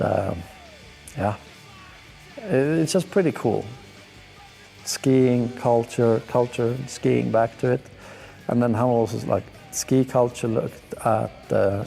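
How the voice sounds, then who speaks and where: A young Swedish pro skier reacts to ski clips with laid-back, slangy, enthusiastic commentary. His voice is mid-range, gravelly, and mellow.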